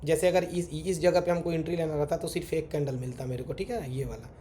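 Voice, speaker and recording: A quick-paced man with a dark, somewhat high voice teaches trading by walking through chart examples during a casual screen share. "Theek hai" comes up nonstop while he draws, and there is faint noise in the background.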